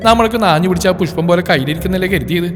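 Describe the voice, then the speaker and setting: A man's voice: high voice, racing, in a large hall, soft background music, voice pushed up, close to an everyday voice. A man voicing a middle-aged aunt who complains and defends herself in a raised voice. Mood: defensive.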